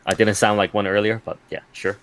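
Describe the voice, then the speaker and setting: A man co-hosting a gaming podcast in casual chat, measured and skeptical, often repeating words as he starts. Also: lowish voice, steady tone, vocal fry, a bit bright. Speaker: podcast co-host.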